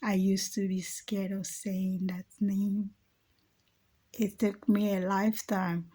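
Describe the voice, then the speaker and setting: A middle-aged woman telling a spiritual story in a casual vlog, dropping to hushed asides and then rising to loud exclaims, with many "okay"s and "you know"s. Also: mid-range voice, takes it slowly, slightly rough. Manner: animated, swings between soft hushed asides and loud exclaims. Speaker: spiritual YouTuber. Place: home at night.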